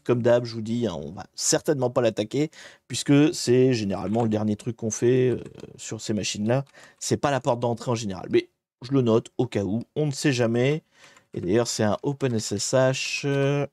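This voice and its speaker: A man's voice: medium pitch, a little mellow. Chatty man streaming a hacking challenge. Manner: chatty, rambling, self-interrupting. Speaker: livestreamer doing a hacking challenge. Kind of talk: casual live-stream commentary.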